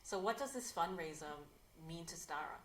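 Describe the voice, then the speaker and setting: Low-voiced woman reporter in a roomy space. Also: expressive, normal speed, fairly bright tone. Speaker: news reporter. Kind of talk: news interview questions. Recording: roomy with faint background noise.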